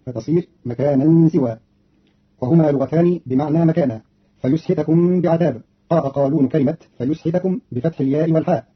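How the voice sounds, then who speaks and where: Male radio presenter, quick formal read, raspy breathy timbre, dull lo-fi archival sound. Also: on the high side. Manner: brisk formal classical Arabic delivery. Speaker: radio presenter explaining recitation variants. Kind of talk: formal scripted explanation.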